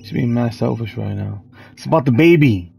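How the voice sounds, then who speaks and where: A man's voice: medium pitch, moderate pace, creaky, music in the background. A young man giving casual, slangy commentary while playing a horror game, jumpy and easily spooked. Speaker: gaming streamer. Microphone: headphones with mic.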